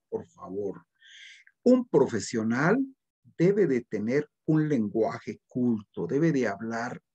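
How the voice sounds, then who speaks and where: A man's voice: medium pitch, darkish tone, breathy edge. A middle-aged man with a Guatemalan Spanish accent, giving a recorded literature class and earnestly urging his students to read and write well. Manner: earnest, exhorting, addresses students formally. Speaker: literature teacher.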